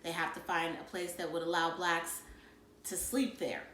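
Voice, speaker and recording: A woman's voice: on the low side, steady tone, normal speed, a bit bright, a little hiss or hum. A woman reading a novel aloud to children and explaining it as a teacher. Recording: roomy echo.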